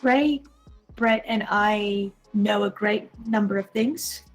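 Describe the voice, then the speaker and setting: Higher-voiced woman, casual and emphatic. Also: rough recording. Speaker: developer advocate. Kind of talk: casual explanatory panel talk. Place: indoors, on camera.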